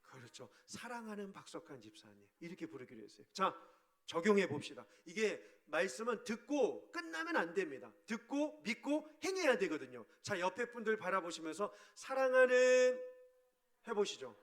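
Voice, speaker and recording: A man preaching as a pastor, asking his congregation questions, sometimes shouting out quoted voices and sometimes dropping to a soft murmur. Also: sits high, normal speed. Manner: animated, acts out quoted voices with sudden shouts; drops to a soft near-murmur on key words. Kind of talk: sermon.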